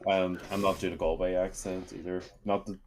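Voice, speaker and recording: A man's voice: low voice, little pitch movement, brisk, a little mellow, slight background noise. A man playing a tabletop game, musing aloud with many hesitations and fillers. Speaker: player. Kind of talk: casual tabletop game chat.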